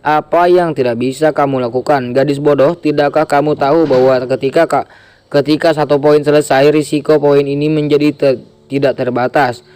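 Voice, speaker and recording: A man's voice: on the high side, fairly even intonation, normal speed, darkish tone, smooth, lightly acted. A man reading the lines of a cruel, scheming woman gang boss, mocking and cold. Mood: scornful.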